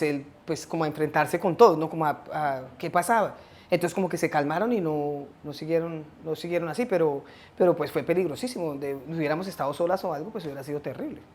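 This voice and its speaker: A middle-aged woman telling a family story in a halting way, with many restarts. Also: fairly low pitch, darkish tone. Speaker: interviewee, mother of the host. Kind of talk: family conversation, recounting memories.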